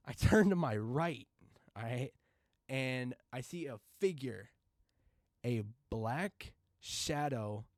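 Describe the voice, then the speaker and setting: Young dude doing a storytime vlog, talks loose and slangy, says bro a lot, dry close mic. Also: male voice, no echo. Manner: casual, slangy, addresses viewers as bro and you guys, swears; quiet and low at first, grows loud and excited. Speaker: vlogger telling a story. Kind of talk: casual storytime.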